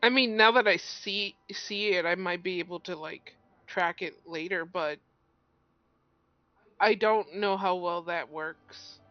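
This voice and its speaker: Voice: medium pitch, a little slow, no echo. A tabletop player speaking casually and hesitantly, often restarting. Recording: dull lo-fi voice chat with faint music.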